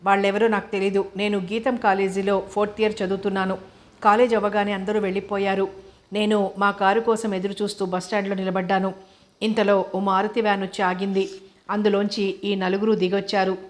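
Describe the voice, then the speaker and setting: A woman's voice: mid-range voice, little pitch movement, natural voice. Woman voicing a shaken young student. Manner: shaken, slow and halting. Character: frightened young woman college student, devout.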